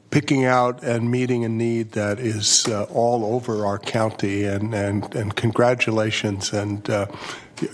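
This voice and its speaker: A male commissioner speaks slowly at a public meeting, in a halting way that repeats words and restarts phrases. His voice sits at a middle pitch. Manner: halting and repetitive, with many restarts. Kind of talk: brief formal thanks at a public meeting.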